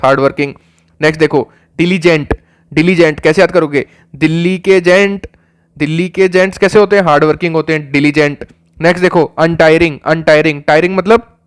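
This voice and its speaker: A young man leads a vocabulary lesson in a chatty, repetitive way, firing quick questions at his students. His voice sits a little high for a man and comes through smooth and clear. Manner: chatty, repeats words and quizzes the viewer. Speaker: exam coaching teacher.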